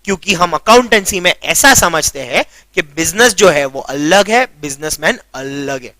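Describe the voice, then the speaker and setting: A man's voice: a little high, expressive, moderate pace, sharp tone, no room sound. A young man with a Gujarati accent, a commerce tutor giving a chatty classroom lecture and often checking that students understand. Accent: Gujarati-accented Hindi. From Gujarat, India. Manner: chatty, keeps checking understanding, mixes English terms.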